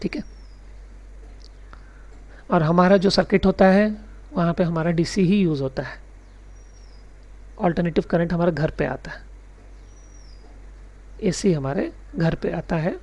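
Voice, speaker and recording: A man teaching a recorded electronics lesson, explaining step by step and reading out English definitions slowly. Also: high-pitched, a little mellow, highs cut off. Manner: mixes English technical terms into his speech. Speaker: electronics tutor.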